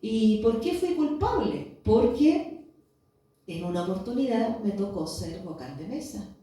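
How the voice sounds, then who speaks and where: A woman's voice: mid-range voice, very animated, a little slow, warm tone. A woman giving a church testimony, telling her story and acting out the dialogue with rhetorical questions. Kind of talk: sermon testimony. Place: church hall. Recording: echoey church hall, voice from far off.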